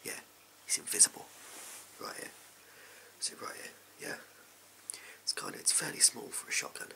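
Sharp in tone and moderately paced, a young English man whispers as a shady gun dealer from the backstreets, amoral and peddling furtive, clipped, offhand sleazy patter. The mood is furtive and casual; he's in a small indoor room at home with the mic close to the camera.

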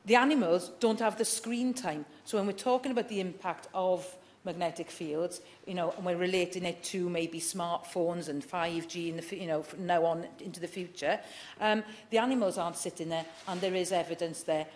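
In a large wood-panelled debating chamber, a middle-aged woman member of parliament firmly and earnestly reads prepared remarks during a debate. Her voice is lowish, fairly even and a little mellow at a moderate pace, with slight background noise.

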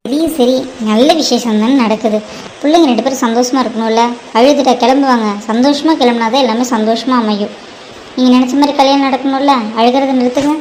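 A woman voicing a scheming, sharp-tongued stepmother in a cartoon who scolds her husband and daughters. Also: high-pitched, fairly even intonation, a little fast, slight background noise, natural voice, rough recording. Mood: firm. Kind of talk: cartoon voice acting.

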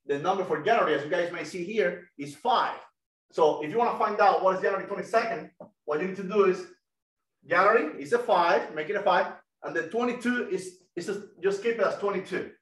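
A middle-aged man with a Cuban Spanish accent giving an energetic online math lesson and quizzing students over a video call headset. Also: high voice, a little fast, roomy sound, poor audio. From Cuba. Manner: energetic, asks students questions. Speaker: guest lecturer.

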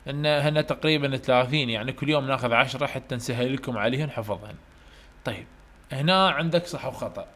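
Iraqi male lecturer, mid pitch, slow on the English, quizzes his students. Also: a bit bright. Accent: Iraqi Arabic. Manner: explains in Arabic, reads English questions slowly and carefully; asks students questions and answers them himself. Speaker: university English teacher. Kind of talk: online lecture.

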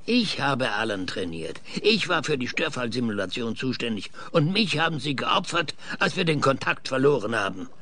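An actor playing an irascible, indignant older professor who once trained space crews, in a German audio drama. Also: male voice, mid-range voice, sing-song, normal speed, hardly any pauses, sharp tone. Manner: indignant, blustering.

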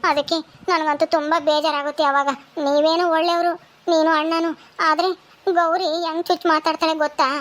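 A woman's voice: high-pitched, flat delivery, fairly quick, a bit bright. A woman voicing a tearful, emotional young village mother. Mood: hurt. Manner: tearful, pleading, heartfelt.

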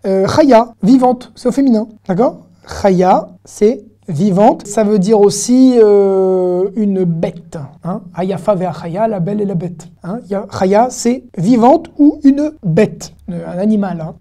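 Woman teaching hebrew online, very dark mellow voice, chatty, says each syllable slow and clear. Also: medium pitch. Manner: patient, chatty, repeats syllables slowly and clearly. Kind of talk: online language lesson.

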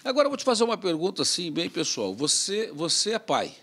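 A man's voice: sits high, big pitch swings, fast, fairly bright tone. A middle-aged man, hosting a conversational interview and often rephrasing his questions. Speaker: podcast host, interviewer. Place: small podcast studio, indoors. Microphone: tabletop microphone on stand.

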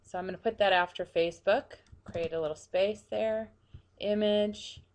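A woman narrating a screen-recorded software tutorial, quietly talking through each step as she clicks. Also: medium pitch, fairly even intonation, normal speed. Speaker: tutorial presenter.

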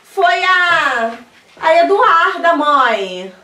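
A woman's voice: very high voice, very animated, very slow, pushed and bright. A woman playing a frazzled young mother in a pretend-play skit, pleading and exasperated. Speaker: channel host. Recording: echoey room, far from the mic.

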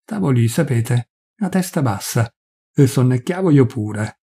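A man reading a classic short story aloud in measured, confiding audiobook narration. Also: mid-range voice, expressive, mellow, breathy edge. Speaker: audiobook reader.

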